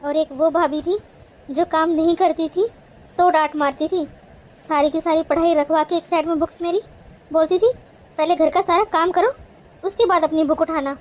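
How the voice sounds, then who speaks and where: A woman's voice: very high voice, fairly even intonation, moderate pace, a little mellow. A woman voicing a timid, obliging young female student in a cartoon, pleading and grumbling to herself. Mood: musing.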